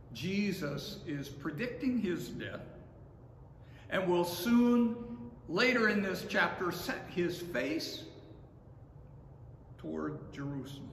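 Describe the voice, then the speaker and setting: A man in his sixties preaches in a slow, deliberate way from the pulpit of a large, empty sanctuary. His voice sits high for a man and carries a long, echoing reverb, with a faint room hum underneath. He is heard from a camera set some way back. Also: a bit bright. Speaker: pastor. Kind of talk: sermon. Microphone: far camera.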